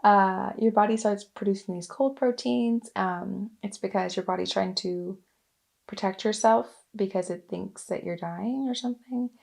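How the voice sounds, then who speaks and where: Young woman, wellness vlogger, casual storytelling, gravelly fry, chatty with fillers. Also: medium pitch, moderate pace. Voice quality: creaky fry voice. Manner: chatty, lots of "like" and "um", soft asides.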